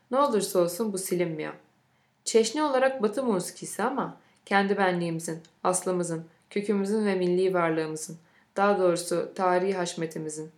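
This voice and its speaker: A woman voicing a genial older gentleman. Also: lowish voice, echoey room, lightly acted. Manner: grand, talkative, fond of speeches. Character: genial older gentleman, music-loving host.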